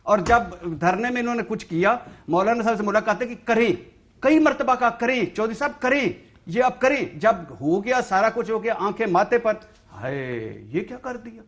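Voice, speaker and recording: A man's voice: extremely high pitch, fairly bright tone. A man, a journalist guest on a talk show, arguing heatedly and firing repeated rhetorical questions.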